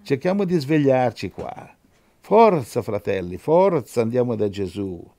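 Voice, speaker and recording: Male preacher, gravelly, dark tone, fervent radio sermon, dry close sound. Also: on the low side, very animated, moderate pace, no echo. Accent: Italian. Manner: fervent, swings from loud exhortation to soft prayer. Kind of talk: radio sermon with scripture reading.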